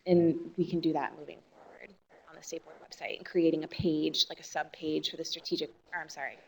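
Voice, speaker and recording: Low-voiced woman explaining at a meeting. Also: flat delivery, fairly quick, poor audio. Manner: explanatory, self-correcting. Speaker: board staff member.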